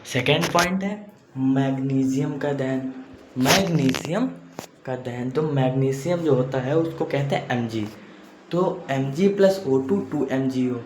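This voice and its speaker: In an unhurried, medium-pitched voice, a man runs a chemistry lesson, restating points and regularly asking "theek hai" to check on his students. The recording has room echo and a little background noise.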